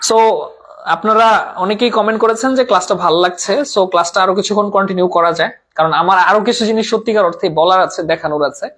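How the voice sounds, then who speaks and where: Husky male teacher drilling grammar. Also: sits high, fast talker, pushed and bright. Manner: drills by repeating terms and answering his own questions; mixes English words into his talk. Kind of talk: live online exam-prep class.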